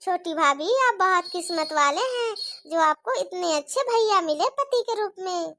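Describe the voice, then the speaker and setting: A woman voicing a sharp-tongued young married daughter in a cartoon story, complaining and tattling. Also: extremely high pitch, animated, moderate pace, no echo, studio quality, exaggerated voice.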